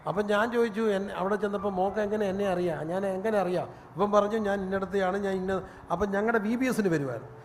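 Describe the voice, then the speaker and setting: A man preaching a sermon as pastor, telling stories with animated delivery and rising to a shout. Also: high voice, fairly quick. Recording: long reverb, faint room noise.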